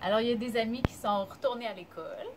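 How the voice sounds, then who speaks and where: A young adult woman, a daycare music teacher telling a story to young children in an animated singsong way. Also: fairly high pitch, fast talker, noisy background.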